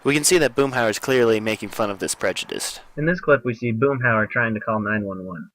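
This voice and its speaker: A man's voice: on the low side, brisk, fairly bright tone, slight background noise, low-quality recording. A young man presenting a class video essay, reading aloud plainly with small slips and fillers. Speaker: student presenter.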